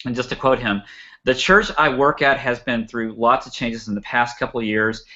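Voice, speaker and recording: A man hosting a live web show, talking fast and enthusiastically in a radio-announcer manner. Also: mid-range voice, pushed and bright, muffled recording. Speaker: show host.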